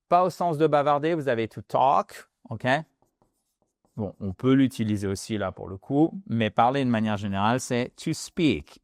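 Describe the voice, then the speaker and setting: A man giving an English lesson in French, explaining lively and switching into English examples. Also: mid-range voice, dry recording, clean studio sound. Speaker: English teacher. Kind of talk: video lesson.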